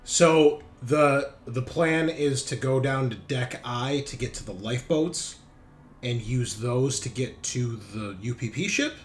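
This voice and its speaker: A medium-pitched man speaks slowly as game master of a tabletop session on a headset call. Casual and chatty, he keeps repeating phrases as he thinks out loud. Background noise is clearly present.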